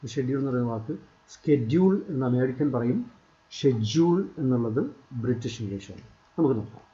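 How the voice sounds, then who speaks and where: A man's voice: medium pitch, quick pace, dark tone, muffled recording. A man teaching English in a screen-share tutorial, repeating himself while he points things out on screen. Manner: repetitive, pointing out items on screen.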